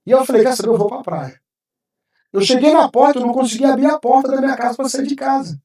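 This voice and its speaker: A man's voice: very high-pitched, fast talker, a little mellow. Pastor man telling his testimony, gets worked up, mic a bit far off in an echoey room. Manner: emotional, vivid storytelling, acting out his own past words. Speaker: pastor, podcast guest. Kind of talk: personal testimony in a podcast interview. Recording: roomy sound, mic at a distance.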